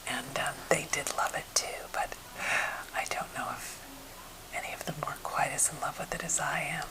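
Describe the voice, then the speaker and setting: An American woman whispering softly and breathily in a gentle, unhurried ASMR chat, as for a finger-tapping video. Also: low voice, fairly even intonation, rough recording. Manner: gentle, unhurried rambling storytelling. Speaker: ASMR creator showing wooden objects.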